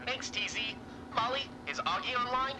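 A woman's voice: fairly high pitch, normal speed, noisy background, close to an everyday voice. A woman playing an eager, earnest young cub reporter boy in a retro sci-fi radio drama.

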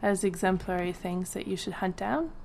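A woman's voice: medium pitch, normal speed, gravelly, a little mellow. Woman host asking short questions. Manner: asks short prompting questions. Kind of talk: casual chat.

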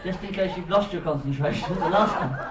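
A man calling bingo in a teasing showman's patter, pausing for suspense and repeating the numbers. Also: high-pitched. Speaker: bingo caller. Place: ship lounge with an audience. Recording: echoey lounge, far mic, crowd noise.

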